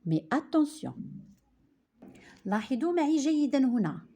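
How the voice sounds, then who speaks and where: A woman, a primary teacher giving a remote lesson, explaining slowly and patiently step by step. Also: high voice, sing-song, warm tone, breathy edge. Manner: slow, patient, explains step by step, mixes in Arabic.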